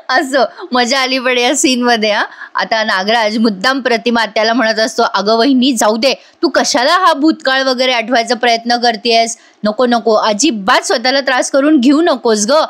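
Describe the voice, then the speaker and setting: A woman's voice: on the high side, normal speed, fairly bright tone. Chatty woman recapping a TV serial. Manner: chatty, laughs often, acts out characters' lines; addresses viewers directly. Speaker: TV serial reviewer. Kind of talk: voice-over episode recap.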